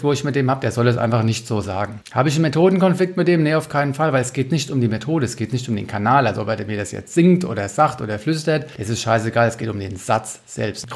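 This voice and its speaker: Guy doing conflict coaching, rattles along quick, blunt and slangy, bit of fry in the voice. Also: mid-range voice. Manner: colloquial, blunt, with frequent "ne?" tags. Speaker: communication coach.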